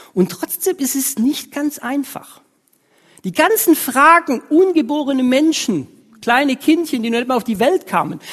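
A woman's voice: high voice, husky. A woman, preaching a sermon in a conversational way with frequent questions to the congregation. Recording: long reverb of a hall.

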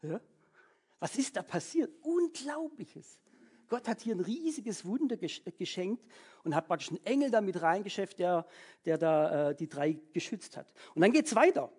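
Preacher, husky voice, animated, conversational sermon, mid pitch. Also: normal speed. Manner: animated, keeps checking in with "ja?". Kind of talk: lively casual sermon.

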